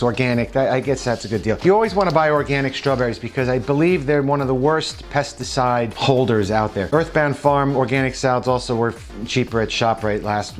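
A man with a New Jersey accent gives casual, opinionated commentary on store flyers, chatty with frequent restarts. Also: medium pitch. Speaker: vlog host.

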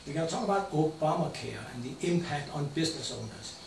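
A man's voice: fairly high pitch, expressive, fast talker, gravelly. An older man from Denmark with a Danish accent, a financial advisor walking through slides in a plain, matter-of-fact way with some stumbles. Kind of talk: slide presentation. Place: small room with projector screen. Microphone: far camera. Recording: roomy, distant camera sound with faint hiss.

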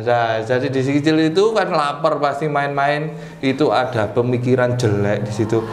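A man, a PE teacher chatting as a guest in a relaxed, joking way. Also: mid-range voice. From East Java, Indonesia. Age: 30s. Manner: relaxed and joking, with pauses to recall. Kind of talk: casual interview chat. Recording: roomy echo, faint ambient noise.

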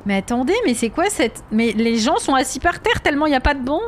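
A woman's voice: high voice, expressive, a little fast, slight background noise. A woman chatting during a live gameplay stream, reacting to viewers' messages and sometimes slipping into English with a French accent.

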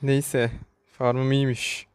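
A man commenting live on his own mobile game match, excitable and shouting in panic when chased. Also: medium pitch, drawn-out words, smooth. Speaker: gamer streamer.

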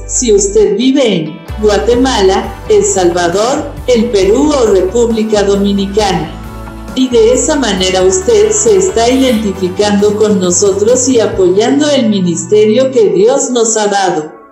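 A woman reads a scripted announcement slowly and calmly in a mellow voice. Her voice echoes in a room, with soft music underneath. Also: mid-range voice.

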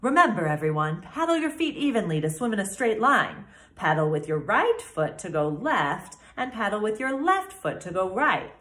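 A woman voicing a protective, motherly old female goose, pitching her voice up into a sing-song tone. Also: sing-song, moderate pace, fairly bright tone. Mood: cheerful instructing. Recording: echoey room.

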